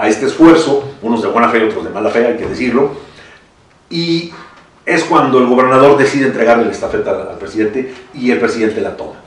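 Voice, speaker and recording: A man with a Mexican accent in a panel discussion, talking with many restarts and chuckles. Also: medium pitch. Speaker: citizen council member. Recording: echoey room from far off.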